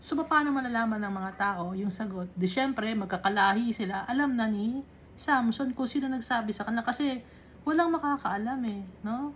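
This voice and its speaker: A woman teaching a Bible study, reading verses slowly and then explaining them, often checking in with little tag questions. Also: on the high side, dull audio, a little hiss or hum.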